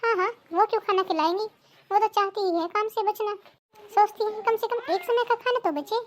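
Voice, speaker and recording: A snappish younger daughter-in-law in a cartoon, answering with cold sarcasm, as a woman voices her. Her voice is very high and loud. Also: a little fast, slight background noise. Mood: sarcastic.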